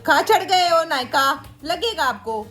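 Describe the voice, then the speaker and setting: A woman's voice: sits high, lively intonation, measured pace, music in the background. A woman in her thirties filming a home vlog, coaxing and doting on her small children and slipping into English. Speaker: vlog host and mother. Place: home indoors.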